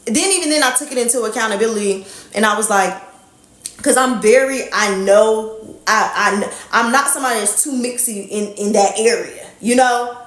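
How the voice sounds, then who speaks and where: A woman in her thirties telling a story on a live stream, animated and profane as she vents into a phone. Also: a little high, moderate pace, echoey room. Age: 30s. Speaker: livestream host.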